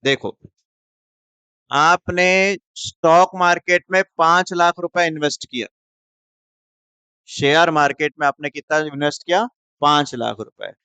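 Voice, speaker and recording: A man's voice: a little high, sharp tone, clear, resonant tone, no room sound. A man teaching commerce in a lecture, firing questions at the class and answering them himself.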